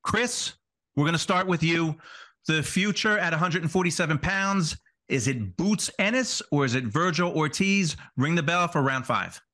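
Bright, higher-voiced man moderating. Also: lively intonation, normal speed. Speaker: host and debate judge. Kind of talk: sports debate moderating.

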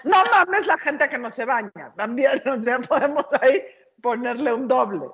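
A woman's voice: high-pitched, animated, normal speed. A Mexican woman co-hosting a podcast, teasing playfully and laughing while she talks. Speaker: podcast co-host. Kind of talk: casual chat.

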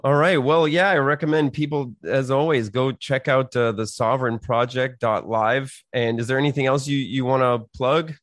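A man hosts a casual interview in a mid-range voice. He speaks haltingly and off the cuff, recorded close and dry without room echo. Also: medium pitch, fairly even intonation, a bit bright. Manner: halting, unscripted. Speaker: podcast host.

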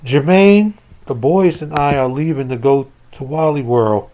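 A man's voice: on the high side, measured pace, dark tone, natural voice, rough recording. A man voicing a tired, firm mother who scolds her sons.

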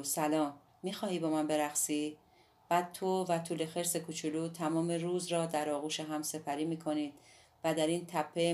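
Woman voicing a soft-spoken, gentle young man in an audiobook; lower pitch, hushed. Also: lightly acted. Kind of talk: audiobook dialogue reading.

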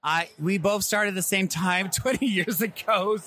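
A man's voice: high-pitched, measured pace, sharp tone, slight background noise. A middle-aged man, a drag performer, chatting candidly and emphatically in a casual interview. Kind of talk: casual event interview chat. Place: convention green room.

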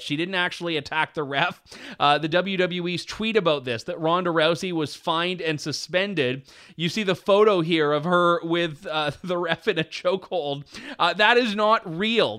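A man's voice: high voice, pushed and bright, clear, resonant tone. A man co-hosting an opinionated news commentary show, wry and amused as he pokes fun at a story. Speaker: co-host.

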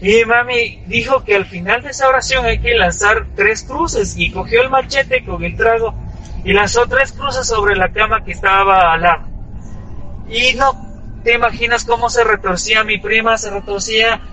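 A man telling a frightening personal story in a halting, shaken way. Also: sits high, bright, forceful tone, rough recording. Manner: halting, shaken retelling with many restarts. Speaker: storyteller sharing a personal experience.

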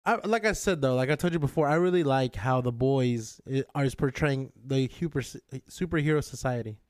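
A man co-hosting a podcast in casual, rambling chat, swearing and clearing his throat often. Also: medium pitch, brisk, no echo, clean studio sound. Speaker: podcast co-host.

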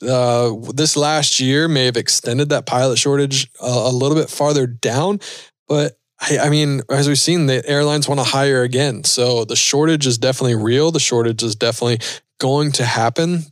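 A man's voice: medium pitch, dry recording, clean studio sound. A man in his thirties hosting a casual podcast, answering listener questions in an easygoing way and thinking aloud with fillers. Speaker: podcast host and pilot.

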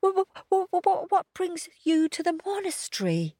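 Squeaky little watchdog pup. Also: female voice, big pitch swings, unhurried, no echo, clean studio sound, exaggerated voice. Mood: stammering. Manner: breathless, squeaky, repeats herself. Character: small excitable young female watchdog.

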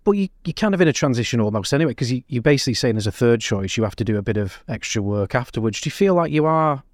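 A man's voice: mid-range voice, lively intonation, very fast, dry recording, clean studio sound. A man conducting a conversational sports interview, asking chatty questions that often come in several parts. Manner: chatty, long multi-part questions.

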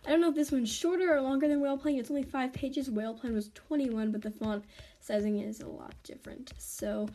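A woman's voice: high voice, fairly even intonation, a little fast, mellow. A woman hosting a casual episode, reading aloud a story she wrote as a child in a chatty, self-deprecating way. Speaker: host reading her own childhood story.

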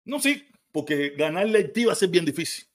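Cuban man, high voice, livestream host, argumentative, repeats himself. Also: very animated. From Cuba. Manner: heated and argumentative, talks fast and repeats himself. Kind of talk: casual livestream, reading out and answering comments.

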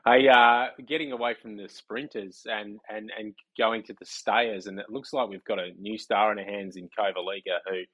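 A man's voice: lowish voice, steady tone, normal speed, hardly any pauses, fairly bright tone, muffled recording. An Australian man co-hosting a podcast, putting questions in casual, blunt and joking banter. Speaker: podcast co-host asking questions.

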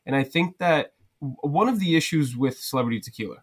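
A man's voice: mid-range voice, expressive, fairly quick, husky. Young man, podcast guest, headset mic, loose rambling chat. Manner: rambling, loose, many restarts and fillers. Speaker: podcast guest, cocktail content creator.

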